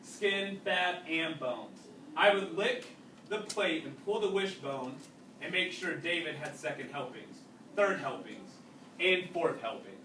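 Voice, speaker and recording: A teacher with a fairly high, animated voice reads a story aloud to his class. He explains along the way and pauses to quiz the young listeners. The sound is roomy and distant, with a bit of faint noise.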